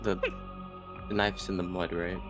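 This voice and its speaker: A man playing a tabletop game, chatting and improvising in character in a halting, wry way. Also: low-pitched, flat delivery, a bit bright, soft background music. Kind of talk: casual game chat and improvised role-play.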